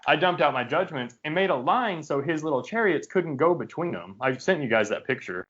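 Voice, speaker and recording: A man with a fairly high voice tells a story in a podcast chat, heated and swearing freely, using plenty of "like" and "um". The recording sounds dull and lo-fi. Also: brisk. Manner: profane, animated storytelling with frequent fillers. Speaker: podcast co-host. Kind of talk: casual chat among friends.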